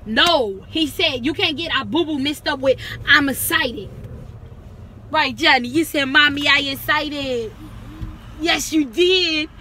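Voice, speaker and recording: A woman's voice: high-pitched, a little slow, bright, forceful tone, a little hiss or hum. A young woman vlogging from inside a car, chatting casually, teasing and laughing often. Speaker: vlogger mom. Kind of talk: casual vlog chat.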